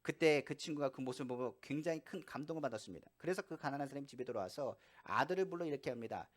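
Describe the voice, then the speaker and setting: A man's voice: mid-range voice, racing. A male pastor preaching a sermon in church, telling stories and acting out the voices in them. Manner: animated storytelling, acting out quoted voices. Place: church sanctuary.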